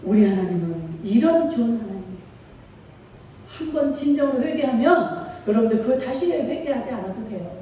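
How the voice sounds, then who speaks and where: A woman's voice: a little high, animated, brisk, mellow, slight background noise. A middle-aged woman pastor preaching a sermon with feeling and call-and-response. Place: church sanctuary. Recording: echoey church hall from far off.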